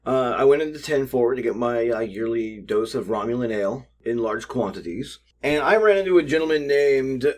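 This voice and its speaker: A man's voice: mid-range voice, a little fast, few pauses, a little mellow. A man in his forties co-hosting an unscripted convention chat, telling rambling, jokey stories. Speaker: podcast co-host.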